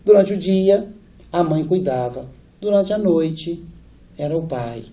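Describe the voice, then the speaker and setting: A man's voice: fairly high pitch, lively intonation, takes it slowly. Dramatic man telling a story. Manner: dramatic, swinging between loud and hushed. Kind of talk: emotional storytelling talk.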